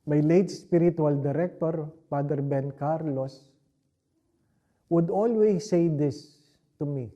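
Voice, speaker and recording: A Filipino priest preaches a homily, his voice very dark and mellow and pitched a little high for a man. He tells his story at an unhurried, deliberate pace and keeps checking in with the congregation. The sound is slightly dull and lo-fi. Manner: slow, reflective storytelling with frequent rhetorical asides.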